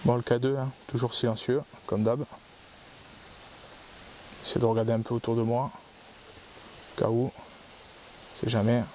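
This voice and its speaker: Man, ghost-hunt host, mid-pitched, rambling explainer, outdoor forest, faint hiss. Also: flat delivery, moderate pace, pauses often, dark tone. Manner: rambling, explains his gear at length. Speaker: paranormal investigator, channel host. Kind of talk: casual on-location commentary.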